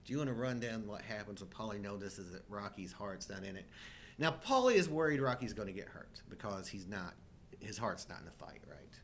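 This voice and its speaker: This middle-aged co-host of a live show speaks fairly quickly, his slightly bright voice full of lively intonation and vocal fry. He riffs on movies in a casual, funny way, leaning on wry exaggeration, while a low rumbling noise is noticeable in the background.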